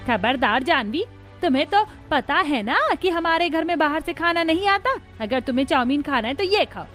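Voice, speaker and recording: A woman voicing a stern, food-loving older mother-in-law in an animated family drama, talking in a bossy, demanding way. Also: high voice, moderate pace, faint music behind.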